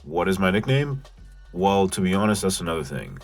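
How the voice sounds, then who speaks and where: A young man with a nasal voice, hosting his own channel in a casual, self-mocking scripted narration that bursts into loud rants. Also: low voice, very animated, a little fast, faint music behind. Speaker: YouTube channel host.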